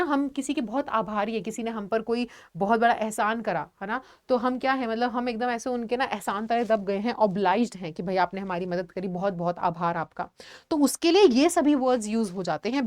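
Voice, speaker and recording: A woman's voice: on the high side, a little fast, a little mellow, no room sound. A young adult woman teaching a vocabulary lesson, explaining patiently and checking in with her students. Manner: explains patiently, addresses students as "beta", frequent "theek hai" check-ins. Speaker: online teacher.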